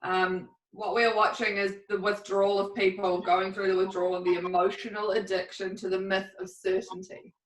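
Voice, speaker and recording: A woman's voice: mid-range voice, flat delivery, normal speed, hardly any pauses. A woman co-hosting a podcast in a casual chat, rambling and candid, laughing often. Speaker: podcast co-host. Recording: roomy, a bit distant from the mic.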